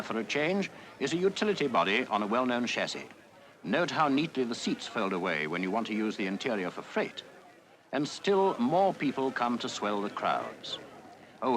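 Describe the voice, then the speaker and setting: A man narrating an old newsreel, jaunty and chatty like a guide walking you round a show. His pitch rises and falls with lively swings, set in the middle of the range, with a faint hiss of noise underneath. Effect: old newsreel voice-over. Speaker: newsreel commentator. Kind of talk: 1948 newsreel commentary.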